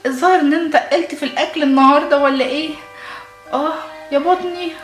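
A very high, bright little girl doll with an Egyptian Arabic accent whines and chatters fast, as a woman acts her out. It is a childlike doll-play voice in an echoey room. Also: fairly even intonation, faint music behind, natural voice. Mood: whiny. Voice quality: childlike, whiny.

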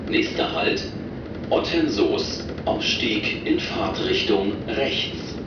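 A man reading scripted station announcements in a formal, measured way over a train intercom. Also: lowish voice, expressive, lo-fi sound. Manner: formal, measured, in short set phrases. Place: inside a commuter train carriage. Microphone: recorder far from the train's loudspeaker. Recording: echoey, noisy train cabin, distant loudspeaker. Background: loud train noise.

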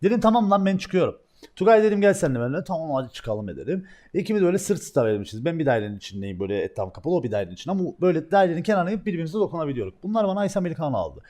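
A young man streaming, telling a story in casual chat, animated and full of swearing, jumping between loud outbursts and quiet asides. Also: on the high side, rapid-fire.

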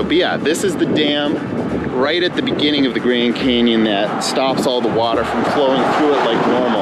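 A man's voice: medium pitch, low-quality recording. A man in his forties, a travel vlogger, chatting casually to an arm's-length camera outdoors in the wind and exclaiming at the views. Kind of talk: casual outdoor vlog narration. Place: outdoors on a windy canyon rim and dam bridge. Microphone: action camera held at arm's length.

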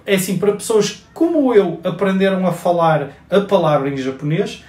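A man's voice: high voice, animated, normal speed, a little mellow. Male host, casual lesson delivery, talks you through it step by step, echoey room. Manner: chatty, explains step by step. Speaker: bonsai channel host. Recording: roomy echoey recording.

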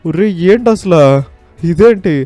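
A man's voice: unhurried, mellow, no echo, faint music behind. A man voicing a harried, easily panicked grown-up uncle who yelps when scared in a game dub. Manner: yelps in high-pitched panic.

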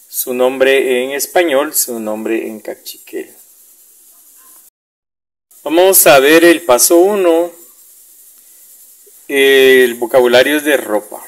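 Man, teacher, slow unhurried pace, methodical, repeats words for pronunciation. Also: mid-range voice, low-quality recording. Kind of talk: classroom lesson explaining a worksheet.

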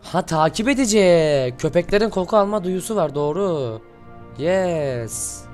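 A man hosting his channel, giving excited reaction commentary and shouting at the screen in casual slang. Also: high voice, unhurried, faint music behind. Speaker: channel host reacting to an animation.

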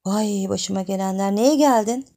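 A woman voicing a frightened young village wife who pleads in a hushed, frantic way. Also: medium pitch, normal speed, close to an everyday voice. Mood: startled.

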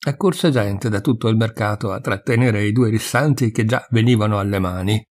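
A man narrating a short story as an audiobook in a measured storytelling way, with a husky voice. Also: fairly low pitch.

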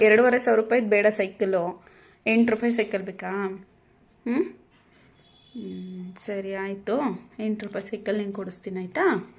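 Woman gently coaxing a child. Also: mid-range voice. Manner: gentle coaxing, soothing a crying child with questions. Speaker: parent filming her child. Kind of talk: casual home video talk.

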